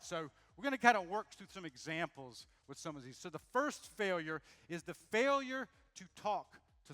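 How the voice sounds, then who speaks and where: A man giving a lively motivational talk on a stage to a live audience, often asking the crowd if it makes sense. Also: sits high. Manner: lively, addresses audience directly, asks "make sense?". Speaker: speaker on leadership and communication.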